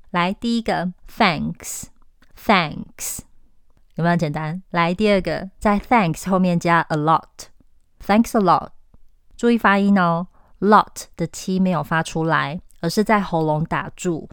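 A woman's voice: lowish voice, clear, resonant tone, no echo, clean studio sound. A woman from Taiwan with a Taiwanese Mandarin accent, an English teacher running a scripted lesson podcast, drilling pronunciation with repeated examples.

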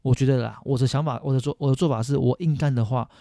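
Male, thirties, Taiwanese accent, soft-edged mellow tone, speedy slangy talk, blunt and casual. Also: mid-range voice, fairly even intonation, rapid-fire, creaky, no echo, studio quality. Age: 30s. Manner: blunt, slangy, repeats himself. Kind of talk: casual, frank chat.

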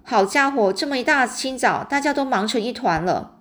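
A woman's voice: on the high side, expressive, normal speed, pitched above the performer's own voice, lightly acted. A woman reading aloud and voicing an eager, impatient young boy in a storybook.

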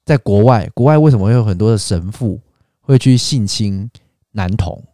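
A man's voice: fairly low pitch, lively intonation, moderate pace, mellow, no room sound, clean studio sound. A man co-hosting a casual chat, teasing and rambling loosely. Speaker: podcast co-host.

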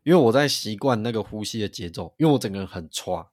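Man, podcast co-host, rapid, animated storytelling, dry close mic. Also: on the low side, dry recording. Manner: animated storytelling with frequent restarts. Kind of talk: casual chat.

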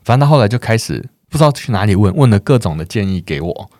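A man's voice: fairly low pitch, fast, no echo, studio quality. A man, a podcast guest telling stories in casual chat and acting out the back-and-forth. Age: 30s. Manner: animated storytelling, acts out quoted exchanges.

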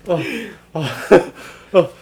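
A man's voice: drawn-out words, warm tone, dull audio. A man in casual chat, giving short replies and jokes. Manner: short backchannel replies, joking.

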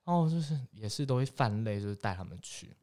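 Man, podcast guest, animated storyteller, pitch swinging widely, laughs often. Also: fast. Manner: animated, laughs often while telling stories. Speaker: former airport ground staff, podcast guest. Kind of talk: casual podcast chat, storytelling.

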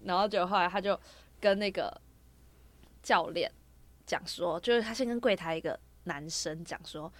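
A woman's voice: lowish voice, normal speed, pauses often, no room sound. A young woman, telling a long story on a casual podcast, rambling from clause to clause with fillers. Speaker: podcast co-host.

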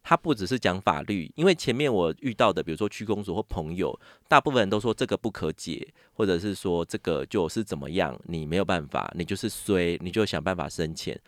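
A man with a Taiwanese Mandarin accent tells a story as a podcast guest. His voice sits low but leaps high when he acts out what others said. The sound is dry and close, with no room echo. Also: a little fast, hardly any pauses. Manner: animated, acts out other people's lines with sudden pitch jumps. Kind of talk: casual storytelling chat.

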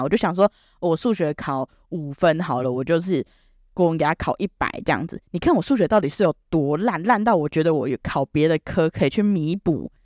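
A young woman telling a comic story about herself to camera, animated and self-mocking, full of quick restarts. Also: fairly low pitch, no room sound, studio quality. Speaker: vlogger.

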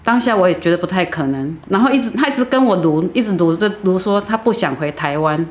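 Guest: middle-aged woman, earnest and halting, lowish voice. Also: lively intonation. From Taiwan. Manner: earnest, halting, many restarts. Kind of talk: personal storytelling.

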